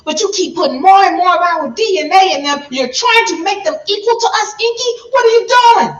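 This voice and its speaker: A woman's voice: extremely high pitch, expressive, normal speed, sharp tone, echoey room, recorded from a distance, highs cut off, pitched above the performer's own voice, exaggerated voice. A woman voicing an angry male god who scolds his brother with accusing questions. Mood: furious. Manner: accusing, repeating questions with rising outrage. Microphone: phone.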